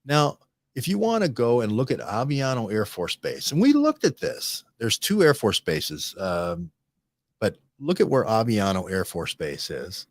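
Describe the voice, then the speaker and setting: A man hosting a casual studio discussion, rambling and animated, often restarting and checking in with "right?". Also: medium pitch, measured pace, no echo. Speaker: host.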